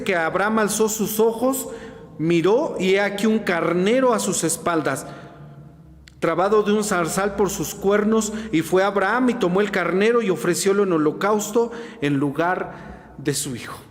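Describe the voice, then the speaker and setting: A man preaching a sermon as pastor, telling the story dramatically and swinging between rushed and drawn-out delivery. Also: high-pitched. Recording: echoey hall with long reverb.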